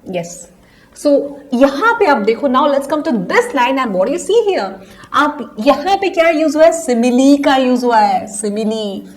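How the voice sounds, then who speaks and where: Woman, Indian accent, high voice, teacher, step-by-step explaining, self-questioning. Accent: Indian English. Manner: explains step by step, asks and answers her own questions. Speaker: English teacher. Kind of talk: classroom poem lesson.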